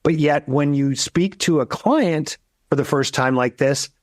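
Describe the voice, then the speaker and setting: A man's voice: a little high, measured pace, no room sound, studio quality. A man hosting an interview podcast as an accountant, talking with energy and enthusiasm, often restarting his sentences. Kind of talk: casual conversational interview.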